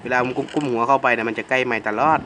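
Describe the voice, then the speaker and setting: A man's voice: mid-range voice, level tone, rapid-fire, pushed and bright, a little hiss or hum, rough recording. A young man casually commentating a phone game at home, crude and joking, talking to himself and his viewers, speaking away from the mic. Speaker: mobile game streamer. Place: home game-casting room.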